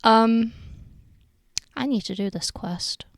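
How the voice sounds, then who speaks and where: A woman's voice: on the high side, takes it slowly, creaky, no echo, clean studio sound. A woman streaming live, chatting casually to her chat and teasing herself with frequent giggles.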